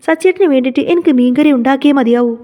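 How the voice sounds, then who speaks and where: A woman voicing a gentle, hurt young wife who pleads, in a fast retelling of a TV serial. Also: high-pitched, close to an everyday voice. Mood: pleading. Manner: pleading, tearful.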